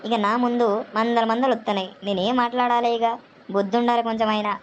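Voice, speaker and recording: A woman with a Telangana Telugu accent playing a quarrelsome village woman who curses loudly at stray hens. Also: on the high side, fairly even intonation, fast, muffled recording, slight background noise, lightly acted. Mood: ranting. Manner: loud cursing rant.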